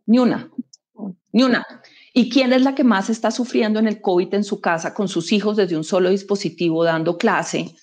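A woman executive guest in an interview, talking at a middle pitch. She argues emphatically, leaning on everyday anecdotes and rhetorical questions to drive her points home. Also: fairly quick, hardly any pauses, darkish tone. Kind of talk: conversational interview.

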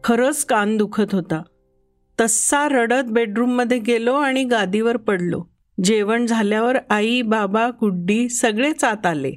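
Slow, high-voiced woman telling a children's story. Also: soft background music. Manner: expressive, childlike first-person telling. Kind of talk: first-person children's story narration.

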